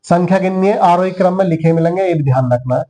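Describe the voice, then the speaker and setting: A man's voice: sits high, fast talker, mellow. A man teaching maths who talks students through each step and counts the items aloud. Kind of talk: classroom lesson.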